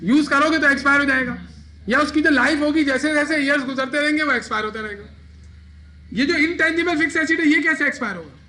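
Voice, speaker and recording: This accounting lecturer's voice is very high-pitched, fast, pushed and bright. Teaching his class, he poses questions to the students and supplies the answers on his own in a classroom lecture.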